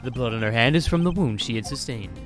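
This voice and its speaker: A man's voice: medium pitch, expressive, fast talker, close to an everyday voice. A composed male legal investigator voiced by a man argues formally with dry wit. The mid-range voice belongs to an improvised comic game dub, with faint music behind it. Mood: confident reasoning. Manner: formal, wry.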